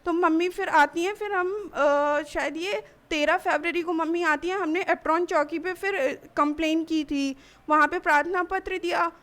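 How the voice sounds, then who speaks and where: A young woman, a college student, gives a halting personal account in a news interview, often restarting her sentences. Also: extremely high pitch, fairly even intonation, a bit bright. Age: young adult. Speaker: college student giving testimony.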